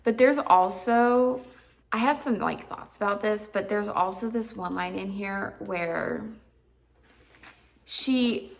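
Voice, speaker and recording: A woman's voice: medium pitch, slow pace, creaky. A woman vlogger casually reviewing books, chatty and rambling with lots of filler words. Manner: exasperated ranting at times. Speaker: book vlogger. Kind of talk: casual book review chat.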